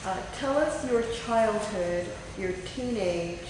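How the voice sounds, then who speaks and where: Slow-speaking woman on a panel, echoey hall. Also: mid-range voice, lively intonation, distant mic, noisy background. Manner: slow, apologetic. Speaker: panel member. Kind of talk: reading interview questions. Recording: echoey hall recorded from afar.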